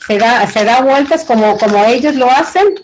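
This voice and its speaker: A woman's voice: a little high, moderate pace, rough recording. Mexican woman presenting informally, faint background noise. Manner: rambling, colloquial, earnest. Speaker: invited community leader.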